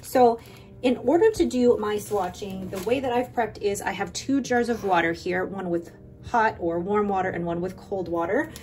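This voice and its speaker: A woman of Filipino heritage hosts a stationery channel, giving an enthusiastic, casual voice-over full of rambling asides while swatching inks. Her mid-range voice moves at a normal speed with a darkish tone. The separately recorded voice-over carries a little hiss or hum.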